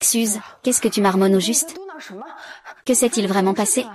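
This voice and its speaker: A woman reading all the parts of a dubbed drama recap in one flat, even voice. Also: medium pitch, a little slow.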